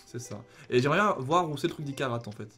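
A young man talks through a game in a casual way, at a quick pace and a medium pitch. Faint game music plays behind his voice. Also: animated, a bit bright, slightly rough. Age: young adult. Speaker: video game player and co-host. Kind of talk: casual gaming commentary, reading game dialogue aloud. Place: small room at home, on webcam. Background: video game music.

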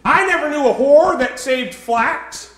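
A man preaching a sermon as pastor, swinging from quiet emphasis to shouted, drawn-out lines. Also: extremely high pitch. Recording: echoey church room.

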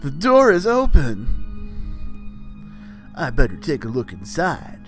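A man voicing a young male video game hero as a laid-back surfer, full of excited slang. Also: a little high, slow pace, music in the background, heavily acted.

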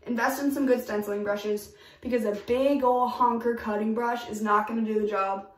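A chatty young woman talks through her DIY tips in an upbeat, emphatic way. Her voice sits a little high, and the bathroom adds a roomy echo. She sounds slightly off-mic. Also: steady tone, moderate pace, recorded from a distance. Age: young adult. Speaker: DIY vlogger. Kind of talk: casual tips vlog. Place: home bathroom, indoors.

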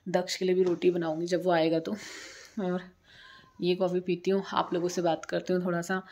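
A woman's voice: fairly low pitch, level tone, fairly quick, a little mellow, dull audio. A woman in her thirties chatting casually to camera as a home vlogger, rambling and repeating herself. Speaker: vlogger and single mother. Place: indoors by a sunny window at home.

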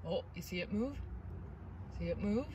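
A woman's voice: mid-range voice, lively intonation, moderate pace, mellow, highs cut off, a little hiss or hum. A middle-aged woman outdoors beside a sawmill, explaining maintenance steps in a practical, encouraging way, recorded on a camera mic. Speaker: sawmill owner demonstrating maintenance. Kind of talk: hands-on instructional video.

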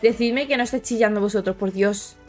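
A young woman with a Spain Spanish accent, hosting a game preview at home late at night, gushing with excitement while keeping her voice down so she won't shout. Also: medium pitch, a little fast, soft background music. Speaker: gaming video host.

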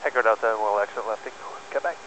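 A man, a jet pilot heard over an aviation radio, giving brisk clipped calls to the tower. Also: fairly low pitch, a bit bright, a little hiss or hum, low-quality recording.

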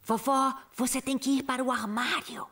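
A woman voicing a gentle gazelle schoolteacher in a dubbed cartoon, announcing a school play in a theatrical way. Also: high voice, fairly even intonation, moderate pace, background noise, natural voice. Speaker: teacher presenting a school play.

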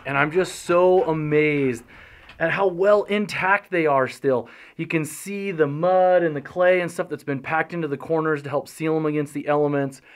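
Chatty amazed man exploring outdoors. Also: medium pitch. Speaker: explorer on camera. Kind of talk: casual on-site commentary.

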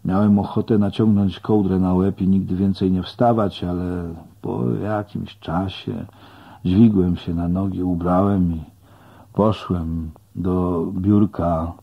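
A man narrates an audiobook in a slow, unhurried first-person way. His voice sits very low and is husky and breathy. The recording is dull and muffled. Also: level tone.

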